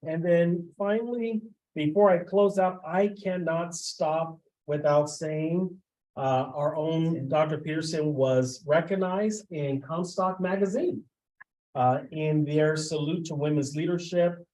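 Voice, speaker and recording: A man delivers a school administrator's report to a board, stopping often on hesitant filler sounds. His voice sits a little high for a man. The tone is soft and mellow. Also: poor audio. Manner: halting, with frequent filler sounds. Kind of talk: formal board meeting report.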